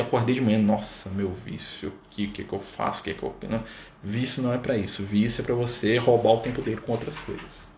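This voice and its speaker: Fast-talking man in an echoey room. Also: mid-range voice. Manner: conversational, full of "né?" and "tá?" asides. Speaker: Spiritist study leader. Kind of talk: casual teaching talk on a live stream. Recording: roomy sound with faint background noise.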